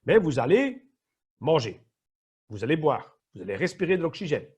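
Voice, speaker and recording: Here the same kind of speaker appears: a Flemish-accented, middle-aged man from Flanders, Belgium, who works as an emergency nurse and wellness trainer, giving an explanatory online training presentation and at times searching for words. His voice is a touch high, husky and breathy, a little mellow, moving at normal speed with big swings in pitch.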